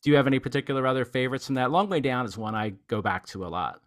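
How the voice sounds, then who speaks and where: A man's voice: medium pitch, very fast. A man hosting a podcast in casual chat, rambling eagerly with many "you know"s as he talks about music he loves. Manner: rambling and enthusiastic, heavy use of "you know". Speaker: podcast host.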